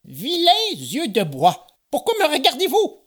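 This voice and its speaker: A man's voice: sits high, very animated, slow pace, fairly bright tone, heavily acted. A man reading a storybook aloud, voicing a fussy, easily vexed old woodcarver with theatrical exclamations. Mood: irritated.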